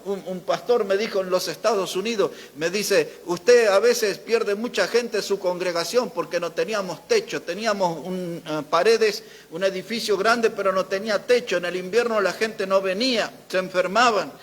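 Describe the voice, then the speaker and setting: A man's voice: high-pitched, moderate pace, hardly any pauses. An older man with an Argentine accent preaching a sermon in a church, emphatic, repeating phrases for stress. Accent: Argentine Spanish. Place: church hall. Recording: long hall reverb.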